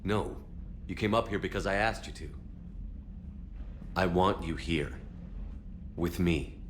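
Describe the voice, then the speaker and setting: Game space commander, really low voice, calm n firm, reassuring, bit of background noise. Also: male voice, slow pace. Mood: warm, reassuring. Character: steady, reassuring male military spaceship commander. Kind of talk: video game cutscene acting.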